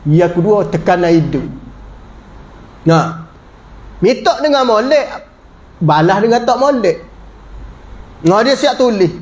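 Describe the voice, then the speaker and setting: A man giving a conversational religious lecture as a teacher, often dropping his voice low for emphasis. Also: sing-song, takes it slowly, long pauses, a little mellow. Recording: echoey room.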